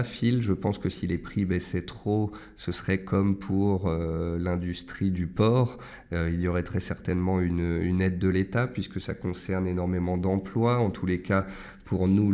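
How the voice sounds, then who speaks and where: Male morning market-briefing host, lowish pitch, live analyst commentary, step-by-step explanations for listeners. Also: dark tone. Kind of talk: live financial market commentary with audience questions.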